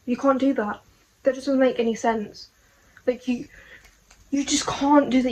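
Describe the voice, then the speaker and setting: A young woman rambles through her video diary in a slightly high voice. She talks casually and in a puzzled way, stacking up "like"s and rhetorical questions. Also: darkish tone, rough recording. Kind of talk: casual rambling monologue to camera.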